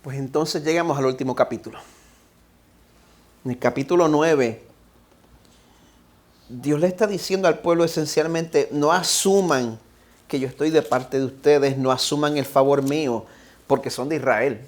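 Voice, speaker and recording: Pastor puertorriqueño de voz algo aguda. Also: male voice, fairly high pitch. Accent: Puerto Rican Spanish. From Puerto Rico. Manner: reads scripture slowly and emphatically, then exhorts the congregation directly. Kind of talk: sermon. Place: church sanctuary.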